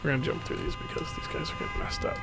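A man co-hosting a casual gameplay reaction, excitable, with loud yelps and laughs. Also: rapid-fire, music in the background.

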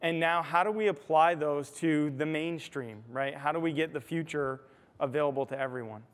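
Recorded on a lapel mic in a reverberant hotel ballroom with amplified stage sound, an American man gives a technology keynote from the indoor stage. He speaks conversationally at normal speed in a fairly high pitch, explaining ideas and frequently asking "right?"

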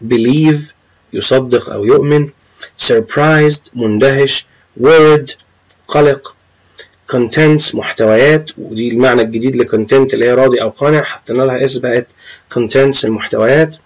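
Young egyptian guy teaching vocab, reads the english word slow then explains it quick. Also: mid-range voice, low-quality recording. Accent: Egyptian Arabic. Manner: switches between Arabic and English, reads words slowly then translates. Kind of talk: classroom-style lesson explaining vocabulary.

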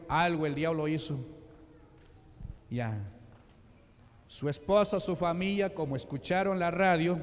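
A man with a Peruvian Spanish accent preaching a sermon as a deacon, slow and emphatic, with rhetorical questions and sudden drops to a low voice. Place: church sanctuary. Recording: reverberant church hall.

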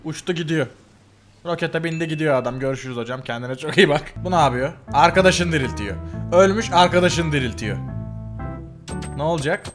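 A man's voice: fairly high pitch, a little fast, soft background music. A man commenting casually on funny game clips as the channel host. He laughs often, exclaims and repeats himself. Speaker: gaming video host.

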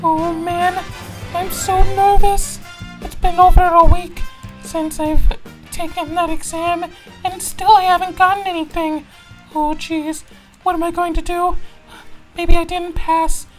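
A woman plays Mario, a jittery young racer who stammers and repeats himself over and over. His voice sits very high, and he frets aloud in a fan-made toy video. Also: level tone, unhurried, faint music behind. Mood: nervous.

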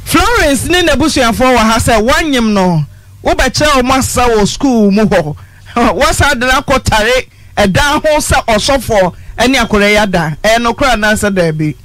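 A Ghanaian woman hosting a radio phone-in, pressing a caller with sharp questions and mocking laughter. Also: a little high, lively intonation, unhurried, no room sound. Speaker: radio host. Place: radio studio. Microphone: studio mic.

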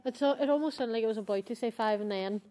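A woman's voice: on the high side, fast talker, mellow. A woman chatting casually as a companion on an outdoor ghost hunt. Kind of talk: casual chat. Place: outdoor stone ruins at night. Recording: noisy outdoor handheld camera audio.

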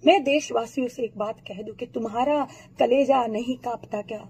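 A woman with a worn, hoarse throat rants at the camera in a high, strained voice at normal speed, her tone darkish. Furious and accusatory, she fires off insults and rhetorical questions in a raw, impassioned political outburst. The recording is rough.

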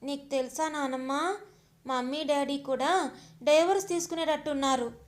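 A small anxious boy with a very high, childlike voice, pleading and half sobbing as he speaks, as a woman storyteller puts him on. He sounds young and fragile throughout the storybook scene. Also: moderate pace, natural voice. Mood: distressed. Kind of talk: audio story reading.

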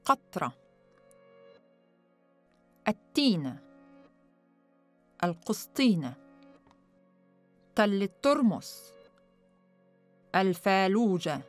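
A woman slowly reciting a list of place names in a chanting way. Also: medium pitch. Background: faint music.

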